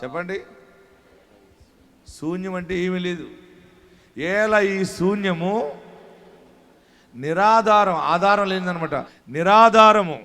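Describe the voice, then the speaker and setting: A man pastor preaching a sermon, leading the congregation in song and shouted praise, then telling a story from his church. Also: sits high, slow, pauses often. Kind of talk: sermon with worship singing.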